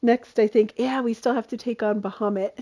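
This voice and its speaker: A woman's voice: a little high, steady tone, a little fast, dark tone, low-quality recording. A woman streaming a video game, chatting with her audience and laughing often in delight. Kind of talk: live game commentary.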